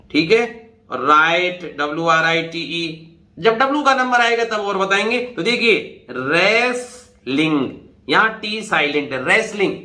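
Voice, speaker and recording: Slow, high-voiced older teacher, echoey room. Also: male voice, sharp tone. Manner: spells words letter by letter and repeats them slowly, calls listeners "bhai". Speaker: English teacher. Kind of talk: classroom-style pronunciation lesson.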